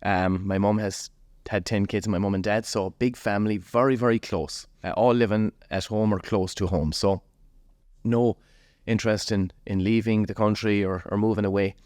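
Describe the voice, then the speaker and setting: A man's voice: fairly low pitch, fairly even intonation, normal speed, a little mellow, dry recording, clean studio sound. A man of forty with a West of Ireland accent, telling his story casually as an interview guest. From Galway, west of Ireland.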